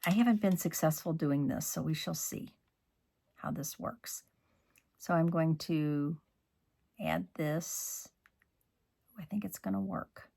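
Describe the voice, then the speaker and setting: Slow, gravelly man teaching card-making. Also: on the high side, darkish tone. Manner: chatty, scolds himself and mutters asides. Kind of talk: crafting tutorial.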